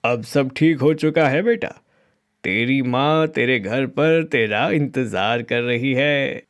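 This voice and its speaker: A man voicing a wise, kindly old magic tree in a cartoon, speaking in a slow, chanting sing-song. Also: medium pitch, natural voice. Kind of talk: cartoon voice acting.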